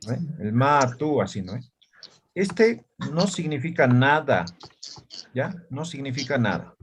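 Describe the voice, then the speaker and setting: A man's voice: medium pitch, very animated, measured pace, a little hiss or hum. A man teaching an online language class, explaining patiently and checking often that students follow.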